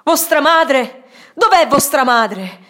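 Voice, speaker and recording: Woman putting on an old loyal male guardian, storybook, impassioned pleading, husky, slow. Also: fairly high pitch, pitched above the performer's own voice. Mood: urgent shouting. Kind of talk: audiobook reading.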